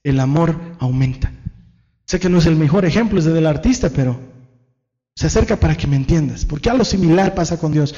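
A male pastor delivers a lively sermon in a high voice, slipping into quick voices for the excuses people make. The recording sounds somewhat dull and lo-fi. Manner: animated preaching, acts out imagined excuses in quoted voices.

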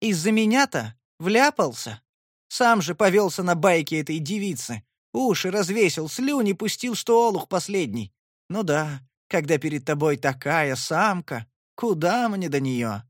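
A man voicing a defensive, quick-tempered young woman who shouts sharp retorts. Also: high-pitched, big pitch swings, no room sound, studio quality, pitched above the performer's own voice, full character voice. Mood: scornful.

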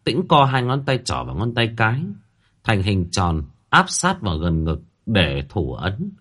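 A man narrating a ghost story, dramatic and voicing the characters with big swings in pitch. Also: very animated, unhurried, fairly bright tone. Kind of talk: storytelling narration with acted dialogue.

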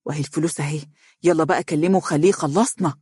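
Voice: medium pitch, steady tone, quick pace, a little mellow, dry recording, studio quality, lightly acted. A narrator voicing a scheming, haughty young woman lawyer in Egyptian Arabic for an audiobook. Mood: curt. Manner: smooth, confident, haughty.

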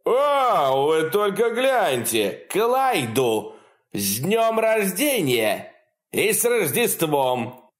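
A man voicing an unhinged, vicious young man who yells and mocks in shrill bursts. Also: very animated, very slow, exaggerated voice. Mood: mocking, raging. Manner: shrill mocking yells, profane taunts.

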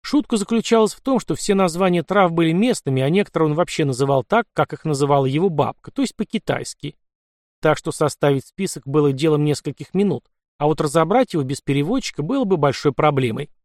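A man reading an audiobook in steady, scripted storytelling narration. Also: on the high side, fast talker, dry recording, studio quality.

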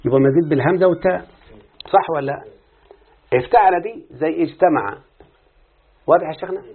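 A man with an Egyptian accent teaching a grammar lesson, quizzing students and repeating word patterns slowly. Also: a little high, slightly rough. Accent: Egyptian Arabic. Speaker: teacher of Arabic morphology. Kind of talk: classroom lesson with student responses. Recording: tinny phone-like lo-fi recording.

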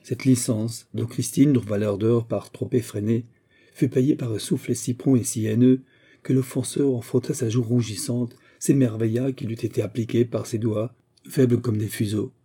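Dark, husky male storyteller. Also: medium pitch, steady tone, normal speed. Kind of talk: audiobook narration.

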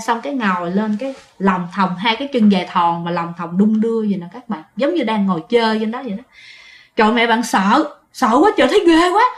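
A woman's voice: mid-range voice, darkish tone. A woman with a Southern Vietnamese accent telling a ghost story in a chatty way, often turning to her listeners and repeating phrases.

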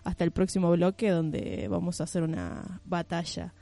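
A radio show host in casual studio banter, speaking in a relaxed, joking way as they hand over to the break. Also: mid-range voice, normal speed, gravelly.

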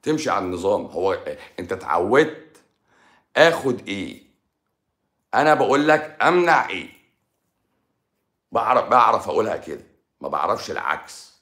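A man's voice: on the low side, very animated, moderate pace, pauses often, a bit bright, reverberant. A man with an Egyptian Arabic accent talking casually on a livestream as a doctor answering viewers, blunt and teasing, sometimes dropping to a mutter. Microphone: livestream microphone.

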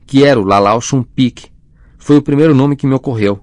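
A man's voice: medium pitch, a little fast, a little mellow, dry recording, pitched above the performer's own voice, close to an everyday voice. Man doing a teenage boy wizard, flustered, earnest, slightly lifted voice, storybook. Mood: defensive.

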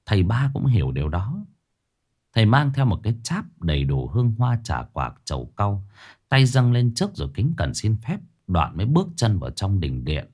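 A man's voice: fairly low pitch, big pitch swings, moderate pace, a little mellow, breathy edge. A man narrating a ghost story dramatically.

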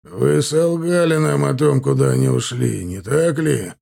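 Man doing a menacing bandit leader, slow hissing threats, dark gravelly voice, audiobook story. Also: medium pitch.

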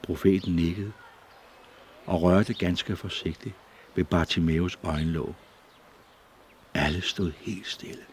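A man narrating a storybook audiobook in a steady, measured way. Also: deep voice, slight background noise. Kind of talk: scripted narration.

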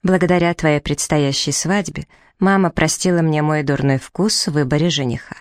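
A woman's voice: low-pitched, fairly even intonation, normal speed, clean tone, dry recording, clean studio sound, lightly acted. A woman reading the part of a playful, mischievous young woman who teases her sister with ironic remarks. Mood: teasing.

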